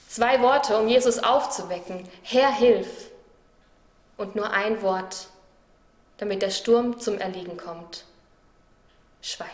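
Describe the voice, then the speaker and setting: A woman delivers a devotional reflection in a calm, measured and thoughtful manner. Her voice sits at an ordinary middle pitch. The recording carries a noticeable roomy echo. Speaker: church devotional speaker.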